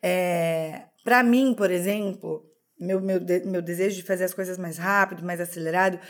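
A woman's voice: on the low side, fairly even intonation, normal speed. A woman co-hosting a podcast in casual chat, candid and self-deprecating, often restarting her sentences. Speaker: podcast co-host.

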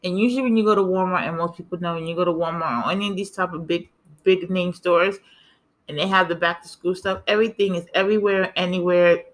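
A middle-aged woman from the Bronx with a New York and Spanish-tinged accent, co-hosting a casual chat and telling stories in an animated way. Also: lowish voice, fast. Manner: animated storytelling with lively asides. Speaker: podcast co-host.

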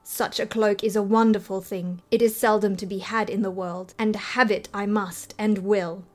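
A woman's voice: medium pitch, fairly even intonation, moderate pace, lightly acted. Woman reading as a greedy old witch. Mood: scheming. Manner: commanding, threatening.

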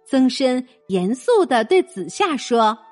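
A woman narrating a children's story, speaking gently and directly to a young listener. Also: high voice, big pitch swings, slow pace, soft background music.

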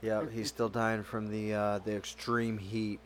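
A man's voice: fairly low pitch, monotone, measured pace. A man hosts a loose, casual conversation. He is informal and teasing and swears freely, with slight noise behind him. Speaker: podcast host. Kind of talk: casual chat interview.

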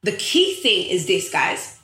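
A woman's voice: fairly low pitch, sing-song, slow, pushed and bright, reverberant, faint music behind, poor audio. A woman hosting a motivational livestream as an author, talking in a rallying, preachy way with lots of repeated phrases. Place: bedroom at home.

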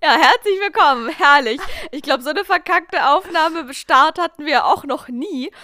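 A woman's voice: high-pitched, moderate pace, pushed and bright, a little hiss or hum. A young woman co-hosting a podcast in casual chat, playful and exaggerating, often laughing. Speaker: podcast co-host.

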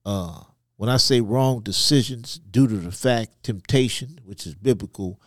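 A man from Ivory Coast, giving personal testimony as a podcast guest in halting, hesitant phrases. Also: on the low side, no room sound, clean studio sound. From Ivory Coast, West Africa. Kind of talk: personal testimony in a conversational interview.

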